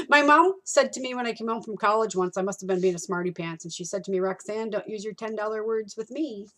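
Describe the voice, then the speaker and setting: A woman's voice: medium pitch, lively intonation, moderate pace, fairly bright tone. A middle-aged woman teaching a college course, talking casually through a textbook chapter and acting out customer exchanges. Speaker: college instructor. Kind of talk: recorded lecture walking through a textbook.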